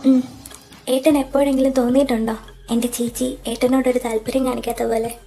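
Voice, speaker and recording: A woman's voice: a little high, flat delivery, quick pace, soft background music, lightly acted. Woman as a tearful young college girl. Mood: grave telling. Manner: soft, tearful and hesitant. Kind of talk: fan audio drama.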